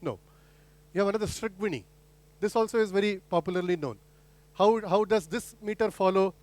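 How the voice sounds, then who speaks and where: A man's voice: high-pitched, fairly quick, darkish tone, dry recording. A middle-aged man giving an academic lecture, explaining step by step with rhetorical questions and frequent restarts. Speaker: guest lecturer.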